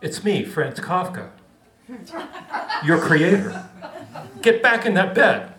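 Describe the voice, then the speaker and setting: A man's voice: high-pitched, lively intonation, slow pace, reverberant, noisy background, voice pushed up, heavily acted. A man voicing a stern male author who lectures in an insistent, exasperated way. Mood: bossy.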